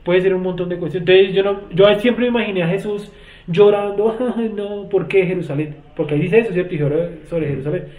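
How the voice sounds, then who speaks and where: Speaking fast in a high-sitting voice, a man from Colombia leads a Bible study, unpacking word meanings and frequently quizzing his students. The room is echoey and the sound has a tinny, phone-like quality.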